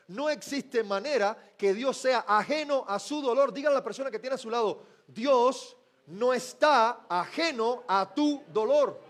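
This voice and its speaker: Male pastor, sermon, high-pitched voice, rhetorical questions to the congregation, drops soft and low for emphasis.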